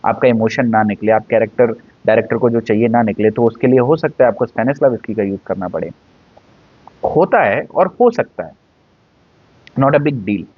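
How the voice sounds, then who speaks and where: A man's voice: medium pitch, no echo. Man, acting teacher, chatty explainer who keeps checking in; dry, slightly muffled recording. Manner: conversational, mixes Hindi and English, frequent checking "है ना?". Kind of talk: casual Hindi-English lesson. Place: indoors, seated.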